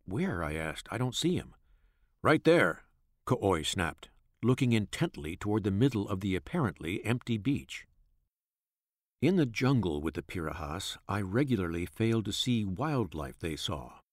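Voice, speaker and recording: A man reads his first-person memoir in a measured, reflective way. His voice sits very low, and the recording is dry and close. It sounds like a calm, steady reading. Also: dry recording. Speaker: narrator.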